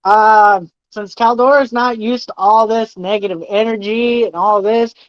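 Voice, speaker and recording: A woman's voice: a little high, fairly even intonation, a little slow, dry recording. A woman playing a character in a tabletop role-playing game, talking casually and swearing freely. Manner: casual, profane, describing her character's actions. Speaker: player. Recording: dry, dull lo-fi mic.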